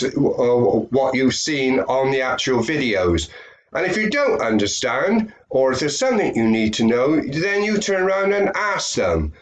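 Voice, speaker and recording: This older UK man, an affiliate marketer, has a medium-pitched voice captured in a rough recording. Stuffed up from a head cold, he rambles on webcam in a small room, repeating himself and filling gaps with filler words.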